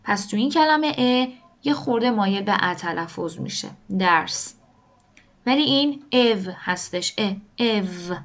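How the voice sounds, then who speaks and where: A woman teaching a language lesson, explaining pronunciation to learners and slowly repeating example words. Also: fairly high pitch, lively intonation. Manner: slow drawn-out repetition of example words.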